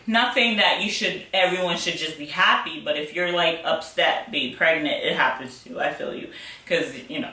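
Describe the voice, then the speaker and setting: A woman's voice: on the low side, sharp tone. A young woman giving chatty money advice straight to her viewers, casual and direct, with fillers and small laughs. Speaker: budgeting vlogger. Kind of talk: casual talk to camera. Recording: roomy sound from a distance.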